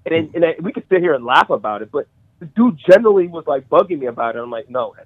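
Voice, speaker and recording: A middle-aged man sharing memories of a friend on a call, halting with many restarts and emotional. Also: a little high, lively intonation, no echo. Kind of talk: casual conversation. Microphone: call audio. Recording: tinny phone-like call audio.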